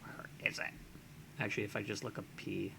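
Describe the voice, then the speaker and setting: A man's voice: lowish voice, level tone, fairly quick, creaky, in a whisper. A man streaming while he sculpts, chatting casually and musing aloud, often chuckling and trailing off into fillers as he works, into a desk microphone.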